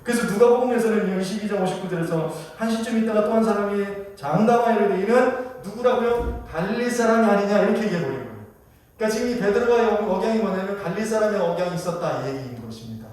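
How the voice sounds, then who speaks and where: A man's voice: high voice, fast, a little mellow. Male pastor, sermon, questions to the congregation, distant mic, very echoey hall. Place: church sanctuary. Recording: echoey church hall from far off.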